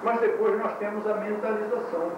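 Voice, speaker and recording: A man teaching a yoga class in a lecture style, explaining with quick demonstrations and light humor, heard from an old VHS tape recording. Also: high-pitched, fairly even intonation, recorded from a distance, highs cut off. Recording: old VHS tape, echoey room from afar, hiss.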